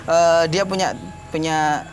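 A man with an Indonesian accent, a guest in a casual chat, speaking haltingly. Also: fairly high pitch, steady tone. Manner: halting, with small laughs.

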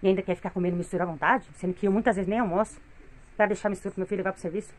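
A middle-aged woman with a Brazilian Portuguese accent, a vlogger and mother of three, speaks very fast in a mid-range, steady voice. She vents wearily and complains in a casual home vlog shot on a phone in her living room.

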